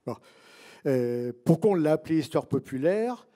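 A man's voice: fairly high pitch, animated, normal speed, warm tone. A man who is one of a book's authors, answering an audience question at a public talk, digressive with wry asides and many fillers.

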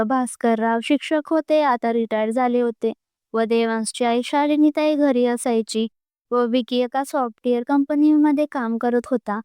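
High, smooth woman story narrator. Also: a little mellow, no echo, studio quality.

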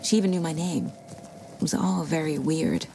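A woman's voice: deep voice, moderate pace, vocal fry, dark tone, a little hiss or hum. A woman playing a businesslike FBI agent in a video game, serious and direct. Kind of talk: naturalistic video game acting.

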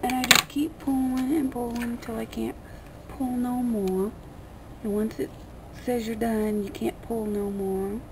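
Sitting at a table in a dim little room, a woman with vocal fry gives an unscripted vlog demonstration, her fairly high voice level and her pace measured. She rambles in colloquial, mildly crude terms. A camera mic pointed at her hands picks it up, with plenty of background noise.

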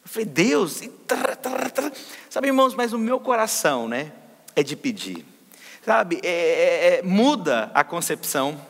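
High, bright preaching man in a hall. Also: big pitch swings, a little slow. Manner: preaching with emphatic questions and answers to the congregation. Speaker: pastor. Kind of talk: sermon. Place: church service.

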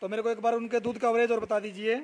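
A young man from Haryana, India, touring a buffalo shed at night and chatting as a dairy vlogger. He repeats numbers and names back and fills pauses with "a". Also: very high voice, little pitch movement, a little mellow. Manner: repeats figures and names back, many "a" fillers. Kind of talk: casual walk-around video with interview.

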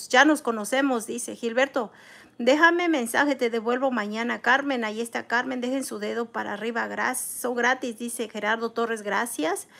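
A middle-aged woman hosts a casual livestream. She reads viewers' names and comments aloud and answers them in a gentle, consoling way. Her voice is gravelly and sits a little high. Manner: eats soup between comments. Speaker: livestream host. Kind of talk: casual live chat reading comments.

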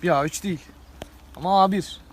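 A man's voice: high-pitched, a little fast, slight background noise. A young man hosting a casual vlog by a parked car outdoors, teasing and swearing with a friend in slangy banter. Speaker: vlogger.

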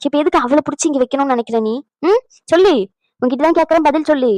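A woman's voice: high voice, rapid-fire, no room sound, close to an everyday voice. A woman doing a domineering, scolding mother-in-law. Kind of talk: cartoon voice acting.

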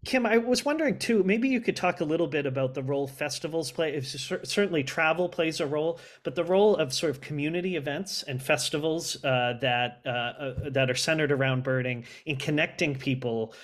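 A man's voice: fairly high pitch, fairly quick, few pauses. A man in his thirties moderating a panel over a video call, asking questions hesitantly with many fillers. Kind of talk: casual panel discussion.

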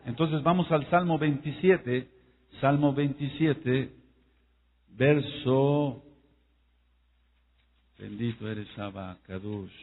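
A man preaching a sermon to his congregation, emphatic, his voice rising and falling, slowing down to spell out words. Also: a little high. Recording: echoey hall over a tinny phone-like line.

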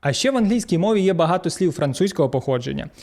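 A man with a Ukrainian accent teaching English pronunciation, slowing down to model each word and giving its translation. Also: a little high. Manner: lively, slows down to model English words. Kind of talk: pronunciation lesson.

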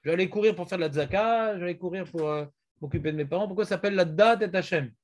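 Guy teaching talmud, kinda high voice, pokes at his students with questions. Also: quick pace. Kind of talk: Talmud class.

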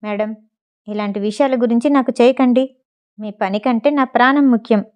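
A woman's voice: a little high, moderate pace, a little mellow, natural voice. A woman voicing a sneering male hired thug who talks in a mocking, irritated way over the phone.

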